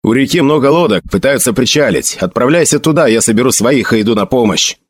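A man voicing an officer giving brisk instructions. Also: mid-range voice, expressive, slightly rough, dry recording, studio quality. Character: male officer, brisk and firm.

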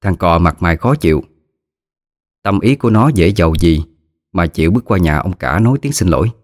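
A man narrating a story in a measured, dramatic way. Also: low voice, lively intonation, no room sound, studio quality.

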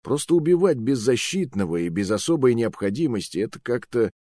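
A man narrating an adventure audiobook in the first person, expressive and slightly weary. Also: medium pitch, brisk, no echo.

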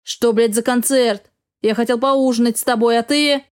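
A woman's voice: fairly high pitch, steady tone, moderate pace, clear, resonant tone, lightly acted. A woman reading the lines of a domineering, angry husband in an audiobook, barking harsh commands. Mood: furious.

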